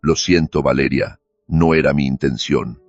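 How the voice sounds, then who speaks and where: A man's voice: a bass voice, fairly even intonation, no echo. A man voicing a nervous younger man who is panicky and eager to avoid trouble, speaking tensely. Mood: uneasy. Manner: tense, hurried, keen to stay out of it. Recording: dull lo-fi recording with faint music.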